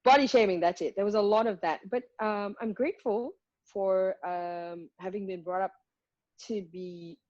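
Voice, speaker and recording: A woman's voice: medium pitch, steady tone, normal speed, a little mellow, dry recording. Woman, candid and emphatic, dull dry lo-fi recording. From Malaysia. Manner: frank, reflective, emphatic with counted points. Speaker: guest singer. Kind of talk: candid conversational interview.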